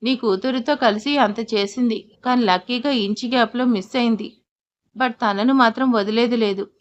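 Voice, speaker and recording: A cocky young husband pushes and teases in a storybook drama, put on by a woman narrator. His delivery is loud and provoking, the voice sits fairly high, and the sound is slightly dull. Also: moderate pace, close to an everyday voice. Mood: teasing, brash. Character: brash, teasing young husband.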